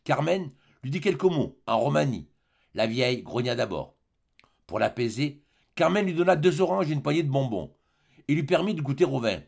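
Gravelly, expressive male audiobook narrator. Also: medium pitch, normal speed. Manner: expressive storytelling. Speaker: audiobook reader. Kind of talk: scripted narration.

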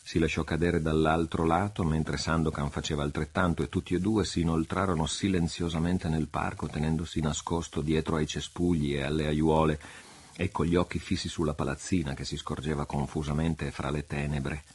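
Husky low-voiced man narrating an adventure audiobook, steady and measured. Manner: measured storytelling. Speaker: audiobook reader. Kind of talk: dramatic audiobook reading.

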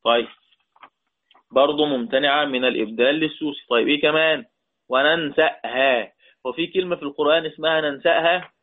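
A man with an Egyptian accent teaching a lesson on Quran recitation rules, quoting verses slowly and then explaining them quickly in colloquial speech while quizzing his students. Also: on the high side. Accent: Egyptian Arabic. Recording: tinny phone-like audio.

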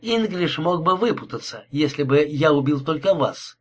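In an audiobook thriller, a male reader voices a cold, courteous killer who speaks with polite mockery and cold menace. His voice is husky, fairly high, and animated, and he never hurries.

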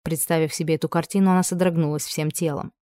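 Brief: woman audiobook narrator, calm and measured, warm low voice, dry close recording. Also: dry recording. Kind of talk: scripted narration.

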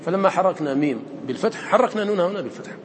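A male teacher giving a classroom lesson, quizzing his students and slowly drawing out the lines he quotes. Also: high voice, animated, big-room sound, slight background noise.

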